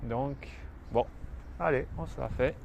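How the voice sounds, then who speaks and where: A man's voice: medium pitch, a little slow, vocal fry, muffled recording. A man with a slight lisp giving casual, informal commentary to viewers while riding outdoors. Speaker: vlogger filming his ride. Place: outdoors, riding an e-bike in city streets. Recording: loud wind noise on outdoor microphone. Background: wind, ambient street noise.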